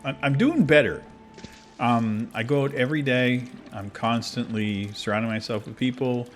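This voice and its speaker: At a moderate pace and in a mid-range voice, a man who makes gaming videos rambles casually and candidly as he plays. He's recording at a computer abroad, and his talk is full of fillers and restarted thoughts.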